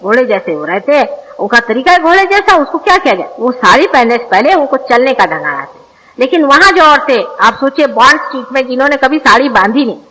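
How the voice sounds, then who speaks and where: Woman, spiritual discourse, high bright voice, lively storytelling, long hall reverb. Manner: lively storytelling, gently mocking. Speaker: spiritual teacher.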